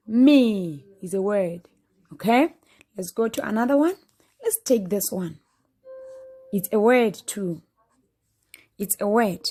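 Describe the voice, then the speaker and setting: Patient woman teacher, slow deliberate phonics delivery, mid pitch. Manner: slow, patient, repeats sounds aloud. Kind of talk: phonics lesson for children.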